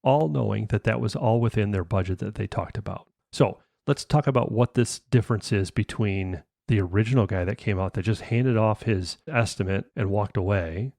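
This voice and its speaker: A man with a low, gravelly voice tells a story in a loose, conversational way, doubling back on his words and tossing in tag questions. The sound is dry and close, with no room around it. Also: moderate pace, few pauses, a little mellow, no room sound. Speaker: podcast host. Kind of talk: casual storytelling about sales.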